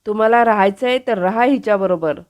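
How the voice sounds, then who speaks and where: A woman's voice: mid-range voice, brisk. A woman with a Marathi accent reading out a TV serial recap, voicing every character's lines in her own plain voice.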